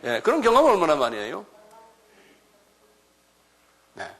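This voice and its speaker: A middle-aged man giving a sermon lecture to a congregation. He talks in an animated way, acts out scolding voices and keeps checking in with his listeners. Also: on the high side, moderate pace, breathy edge. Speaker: pastor.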